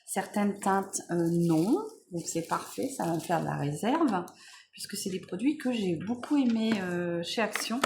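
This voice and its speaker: A woman with a fairly low voice talks casually through a makeup unboxing. She sounds relaxed and chatty, often pausing on fillers and correcting herself. There is a faint hiss behind her. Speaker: beauty vlogger. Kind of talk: casual product unboxing chat.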